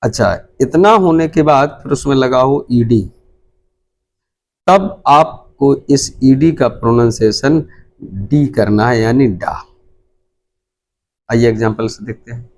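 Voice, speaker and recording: A middle-aged male English teacher with an Indian Hindi accent talks at a very slow, deliberate pace. His pitch sits in an ordinary middle range, and he repeats each word several times as he explains it. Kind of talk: pronunciation lesson.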